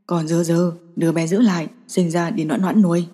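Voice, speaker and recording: Give me a grim elderly patriarch voiced by a woman narrator, speaking low and clipped. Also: fairly even intonation, a little fast, dark tone, husky, in a large hall. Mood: stern. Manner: cold, curt, commanding. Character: elderly stern grandfather, head of family.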